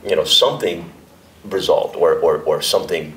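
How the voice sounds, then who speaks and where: A man's voice: deep voice, moderate pace, fairly bright tone, echoey room, recorded from a distance, slight background noise, rough recording. A male interviewer talking casually over food, hesitant with many fillers, sometimes switching languages. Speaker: entertainment interviewer.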